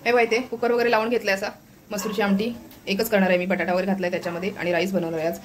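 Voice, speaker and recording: A woman's voice: medium pitch, little pitch movement, rapid-fire, a little hiss or hum. A woman chatting casually to viewers while cooking in her home kitchen, filming on a phone held in her hand and keeps pointing things out. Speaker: family vlogger.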